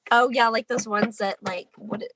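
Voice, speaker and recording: A woman's voice: a little high, fairly even intonation, moderate pace, a bit bright, faint music behind. A woman co-hosting a podcast, stuffy from a cold, chatting casually and reading an article aloud. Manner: reads a news article aloud, then comments. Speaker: podcast co-host.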